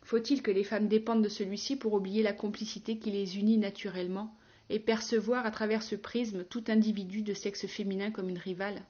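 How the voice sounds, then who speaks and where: A woman narrating a first-person novel in a wry, ironic and measured tone. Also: medium pitch, flat delivery, darkish tone, highs cut off. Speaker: audiobook narrator.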